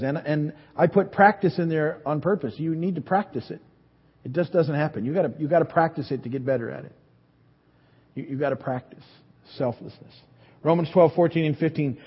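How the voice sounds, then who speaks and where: A slightly rough, slightly high male voice belongs to a pastor in his fifties, who preaches by telling a self-mocking personal story. It's recorded with a dull sound in a hall full of reverb.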